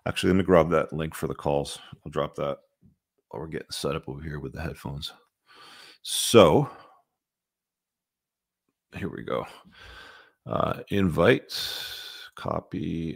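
Male livestream host, very low voice, informal and opinionated, casual conversational commentary. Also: gravelly. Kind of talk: casual live commentary to viewers.

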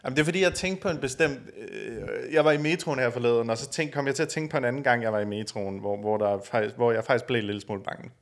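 A man's voice: medium pitch, few pauses. A young man in his twenties with a Danish accent, co-hosting a podcast in casual chat and teasing his partner with dry banter. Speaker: podcast co-host.

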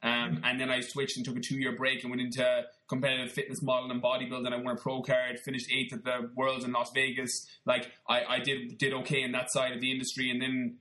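A man's voice: mid-range voice, completely flat delivery, fairly quick, hardly any pauses, bright, forceful tone, low-quality recording. A man with a west of Ireland accent, chatting informally as an interview guest and often rephrasing himself as he explains. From Galway, west of Ireland. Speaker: podcast guest, personal trainer. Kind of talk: conversational interview, telling own story.

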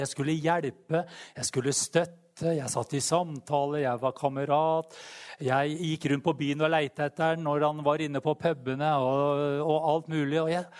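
A man preaching a sermon, fervent and animated, often calling out praise between his sentences. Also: on the high side.

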